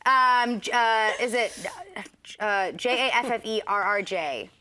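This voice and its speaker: A woman's voice: a little high, measured pace, background noise. A woman co-hosting a TV after-show, chatting casually and reading out viewer tweets. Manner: giggly, chatty, lots of "like".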